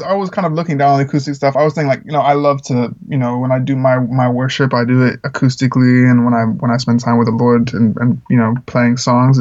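This man, raised in the Czech Republic, is a musician being interviewed informally. He speaks in a medium-pitched, slightly mellow voice, earnest and rambling, leaning heavily on fillers, over a muffled recording.

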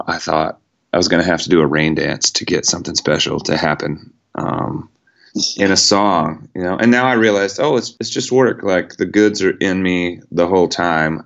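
Low-voiced reflective male singer-songwriter. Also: vocal fry, fairly bright tone, muffled recording. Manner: casual and reflective, many fillers like "you know" and "like". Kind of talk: relaxed conversational interview.

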